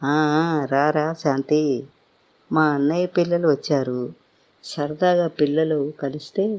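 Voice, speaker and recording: A man's voice: fairly high pitch, darkish tone, dull audio. A man voicing a breezy sister-in-law who talks in an offhand way.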